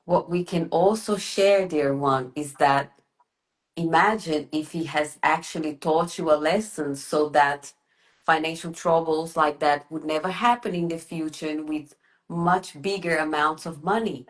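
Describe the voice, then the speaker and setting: A woman trance channeling as a spiritual medium, giving formal, measured counsel and addressing her listener with solemn endearments. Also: low voice. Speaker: trance channeler leading a session.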